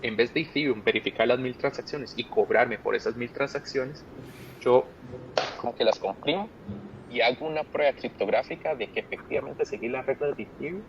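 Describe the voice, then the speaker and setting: A man with a Costa Rican accent, a project manager being interviewed, who explains ideas step by step with plain examples. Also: brisk. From Costa Rica. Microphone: video call. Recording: muffled call audio with faint rumble.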